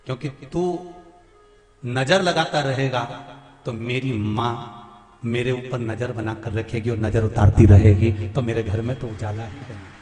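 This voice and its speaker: A man preaching a devotional sermon in a folksy, sing-song storytelling way, swinging between soft asides and loud exhortations. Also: mid-range voice. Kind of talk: devotional sermon to a large gathering. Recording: echoey hall with faint music.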